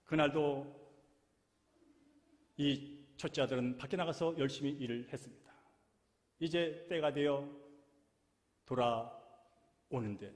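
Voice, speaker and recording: A male pastor preaching a sermon in a church sanctuary, telling the story dramatically and moving between loud and hushed passages. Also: on the high side, big-room sound.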